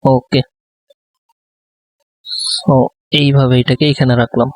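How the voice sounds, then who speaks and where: A man giving a design tutorial, speaking softly close to the microphone and thinking aloud with many fillers. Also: mid-range voice, little pitch movement, slow pace, dry recording. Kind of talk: live screen-recorded tutorial.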